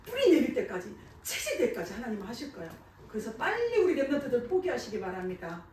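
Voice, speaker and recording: A woman's voice: on the high side, wildly swooping pitch, fast, darkish tone, slight background noise. A woman giving a sermon to children in a church, asking the kids questions and answering them herself. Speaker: children's pastor. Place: church sanctuary. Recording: echoey church hall, mic far off.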